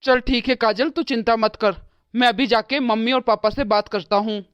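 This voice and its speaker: A fretful young husband in a cartoon, voiced by a woman, torn between his wife and his parents. He talks in a soothing, placating way, in a highish voice with a dry, close sound. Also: fairly even intonation, moderate pace, smooth, no room sound, muffled recording, natural voice. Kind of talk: cartoon voice acting.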